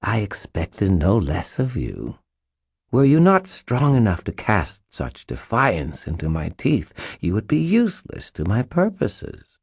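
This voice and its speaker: A man's voice: on the low side, huge pitch swings, a little slow, creaky, a little mellow, breathy edge, dry recording, clean studio sound, pitched above the performer's own voice, exaggerated voice. A man voicing an ageless, menacing faerie queen who hisses and purrs with cold, possessive regality in a storybook reading. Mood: imperious. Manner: hissing, purring, regal and possessive. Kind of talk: audiobook narration.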